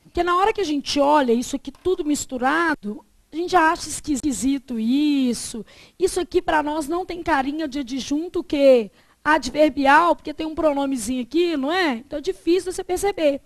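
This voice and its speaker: A woman teaching a Portuguese grammar lesson, lively, asking the class questions and answering them herself. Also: high voice, normal speed, no echo.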